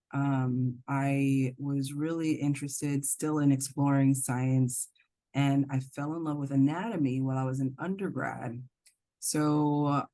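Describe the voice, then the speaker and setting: A middle-aged woman from the Bahamas, a professor speaking as a podcast guest in an earnest, measured way with frequent ums. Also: very deep voice, a little mellow. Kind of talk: podcast interview.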